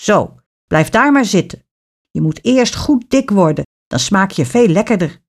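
A woman doing a creaky wicked old witch. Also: medium pitch, big pitch swings, a little slow, exaggerated voice. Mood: gloating. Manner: sugary, then gloating and bossy.

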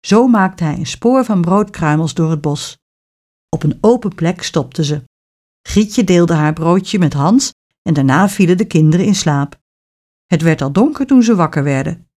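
A woman reads a children's fairy tale aloud in a clear, expressive storytelling voice. Her voice sits a little low for a woman. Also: measured pace. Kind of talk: scripted fairy tale narration.

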